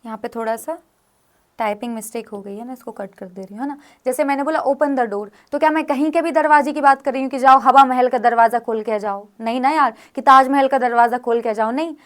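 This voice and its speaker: A high-pitched, slightly fast-talking woman from India leads a grammar class. She lays out each rule in steps and peppers the lesson with frequent check-in questions for her students.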